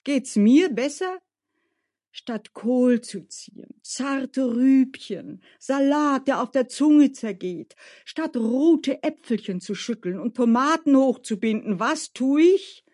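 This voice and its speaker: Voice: high voice, animated, slow, darkish tone, voice pushed up. A storyteller voicing a careful, gloomy male gardener who warns and grumbles, in a storybook reading. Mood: grumbling. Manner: warning, grumbling.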